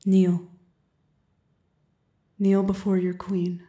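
A woman playing a commanding, seductive queen, speaking slowly and imperiously and often dropping to a whisper. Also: mid-range voice, flat delivery, warm tone. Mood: regal, commanding. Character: commanding, seductive adult queen on her throne. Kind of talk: audio roleplay. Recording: roomy echo.

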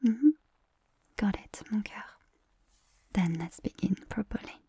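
A gentle, doting massage attendant, played by a woman in an ASMR roleplay, murmuring in a soft whisper with French endearments. Her voice is husky and mellow, with a gravelly creak under the breath. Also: mid-range voice, unhurried, no room sound. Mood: soothing.

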